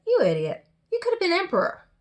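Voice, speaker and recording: A woman voicing a fisherman's greedy, scolding wife in a shrill, exasperated tone. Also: animated, takes it slowly, mellow.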